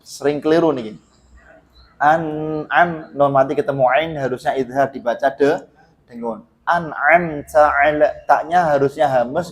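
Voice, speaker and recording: A man with a Javanese accent teaching Quran recitation in a mosque, correcting pronunciation and chanting verses slowly for others to repeat. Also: mid-range voice, darkish tone.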